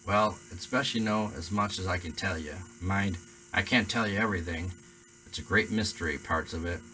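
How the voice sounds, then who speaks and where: A man voicing a huge, gruff, big-hearted half-giant gamekeeper in a storybook reading, with a bright tone. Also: low-pitched, normal speed, slight background noise, low-quality recording. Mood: worried. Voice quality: gruff, rough-edged, hearty.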